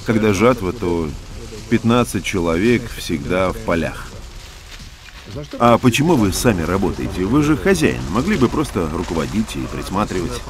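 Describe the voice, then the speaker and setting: A man's voice: low-pitched, big pitch swings, moderate pace, crowd noise. A man voicing a documentary interview, asking and answering in a plain conversational way. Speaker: interviewer and voice-over narrator.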